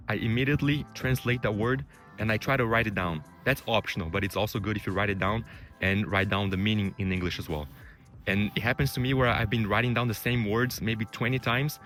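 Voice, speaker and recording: Giving career advice to the camera, this Brazilian man, a first-language Portuguese speaker, has a fairly bright voice on the lower side. His talk is quick and loose, with "you know" cropping up often.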